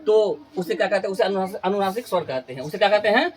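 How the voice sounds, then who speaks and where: A man teaching Hindi grammar in a classroom lesson with students. He repeats each question and answer as a drill and stretches key terms slowly for emphasis. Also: high voice, slightly rough.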